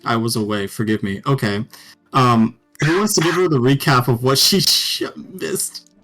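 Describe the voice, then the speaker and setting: A man's voice: medium pitch, moderate pace, a bit bright, soft background music. A man running a tabletop game as dungeon master, bantering and swearing freely with his players. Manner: profane, joking banter.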